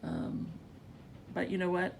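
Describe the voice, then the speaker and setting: Gravelly, just-woke-up woman reading aloud. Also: expressive, unhurried. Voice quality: gravelly, creaky. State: just woke up, groggy morning voice. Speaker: scripture reader. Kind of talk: reading scripture aloud, informal. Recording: rumbly background noise.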